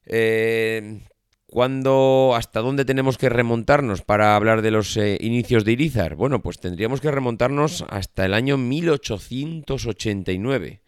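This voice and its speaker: A man's voice: medium pitch, moderate pace, clean tone, dry recording. Congested, nasal male podcaster from a dry mic. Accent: Spain. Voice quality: nasal, congested from a blocked nose. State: stuffed up with a head cold. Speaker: podcast host. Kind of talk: solo podcast talk.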